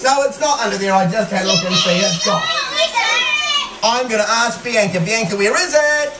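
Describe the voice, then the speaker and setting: Kids' party magician, very lively pitch, exaggerated sing-song delivery, calling out to children, distant, heavy background noise. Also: moderate pace. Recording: noisy, echoey space, far from mic.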